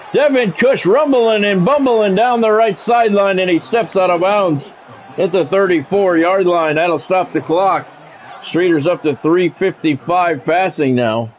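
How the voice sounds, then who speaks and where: A middle-aged man streams a sports video game, calling it in radio play-by-play style with short clipped calls and salty, casual asides. His voice is high-pitched, and the poor audio has a little hiss or hum.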